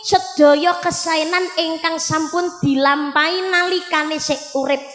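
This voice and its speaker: A woman playing a calm revered elder with a Javanese accent. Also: very high voice, measured pace. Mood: gentle. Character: calm, revered elderly man giving counsel. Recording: echoey hall with faint music.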